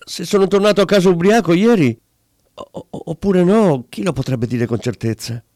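Nervous stammery barber guy, reader doing the voice, a bit higher than his narration, dry sound. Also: normal speed, a little mellow, dry recording, natural voice. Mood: flustered. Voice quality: hesitant, stammering. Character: timid, flustered middle-aged barber.

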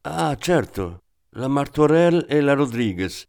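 A man's voice: medium pitch, big pitch swings, takes it slowly, creaky, darkish tone, voice pushed up, full character voice. A man voicing a chatty, amiable school janitor. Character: male school janitor, amiable but sour on students. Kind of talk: audiobook reading.

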